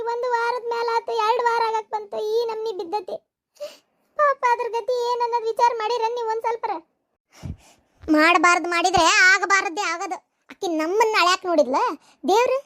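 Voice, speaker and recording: A woman's voice: very high voice, fairly bright tone. A woman speaking with a North Karnataka Kannada accent, acting an anxious village mother who pleads one moment and bitterly scolds the next. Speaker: worried mother in a family skit. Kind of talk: village family drama acting.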